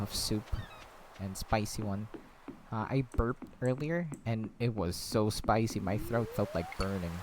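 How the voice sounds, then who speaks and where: A man's voice: mid-range voice, background noise. A man from the Philippines chatting casually while playing a game, rambling with lots of ums and a slightly breathless voice. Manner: rambling, many fillers, easily sidetracked. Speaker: gaming vlogger.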